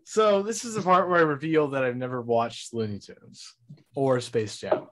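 A man's voice: medium pitch, normal speed. A man chatting casually and laughing while he trades voice impressions with a friend. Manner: laughing, playful, switches into character voices. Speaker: impressionist youtuber. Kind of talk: casual chat trading voice impressions.

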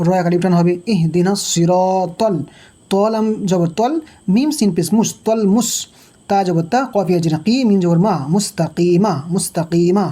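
A woman teaching Quran recitation, patiently spelling out syllables, repeating each one, and chanting verses slowly. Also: lowish voice, warm tone. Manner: slow melodic chanted recitation.

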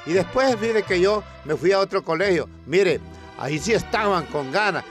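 A man's voice: high-pitched, expressive, moderate pace, faint music behind. A man with a Honduran accent telling a comic news monologue in a colloquial, storytelling way, acting out protest chants. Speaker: comic presenter.

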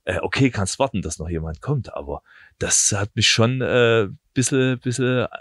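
A man's voice: lowish voice, normal speed, no room sound. A man in his thirties telling anecdotes in a casual, colloquial way as a morning radio podcast host, speaking into a close handheld microphone. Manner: animated storytelling, colloquial. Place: small radio studio on a sofa, indoors. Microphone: handheld microphone held close.

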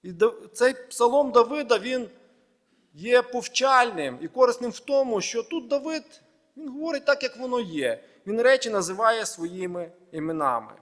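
Male pastor, high voice, sermon delivery with emphatic lists, long hall reverb. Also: lively intonation. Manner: measured preaching in short phrases, with emphatic lists. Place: church hall.

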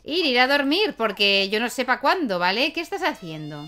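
A woman's voice: a little high, very animated, normal speed, pushed and bright. A young woman, chatting casually as she plays a life-simulation game and talks to her characters. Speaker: gaming YouTuber. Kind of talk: casual gameplay commentary.

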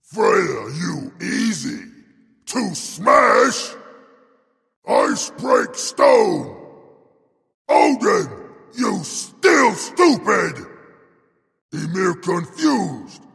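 An actor voicing a huge, slow-witted frost giant in a video game, bellowing in broken caveman speech with a gravelly, raspy voice. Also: high-pitched, huge pitch swings, fairly bright tone, shouting, big-room sound, exaggerated voice. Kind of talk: video game taunt voice acting.

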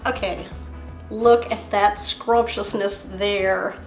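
This cooking channel host speaks slowly at a medium pitch with fairly even intonation, talking through her home cooking step by step and savoring the food on tasting. In her roomy home kitchen faint music plays, and the camera frames her hands and countertop.

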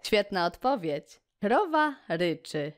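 A woman hosting a children's educational video, speaking slowly and encouragingly in a sing-song way. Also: medium pitch, sing-song, heavy background noise.

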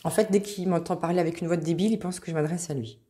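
Talking very fast in a warm, fairly low voice with fairly even intonation, a woman shows off her craft haul, gushing over the cute things she bought. This craft vlogger chats casually but hesitantly, filling her speech with fillers, and the recording has a little hiss or hum.

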